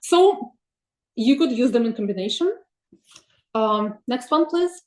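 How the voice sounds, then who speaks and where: A woman whose first language is Russian presents slides in an online webinar, with a hesitant, friendly and thoughtful delivery full of ums and uhs. She asks for the next slide. Her voice is a little high, expressive, unhurried and darkish, and the sound is roomy.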